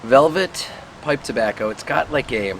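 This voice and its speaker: A man giving a casual, unhurried review to camera outdoors, musing and trailing off as he puffs on a pipe. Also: mid-range voice, fairly bright tone. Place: outdoors in the wind. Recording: noisy outdoor recording with wind and traffic.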